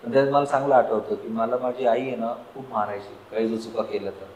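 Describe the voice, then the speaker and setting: A male podcast host with a mid-pitched voice, frank and chatty, who tells stories and asks questions. The recording has a roomy echo. A faint background hiss sits underneath. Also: steady tone, a little fast, darkish tone. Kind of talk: casual conversational interview.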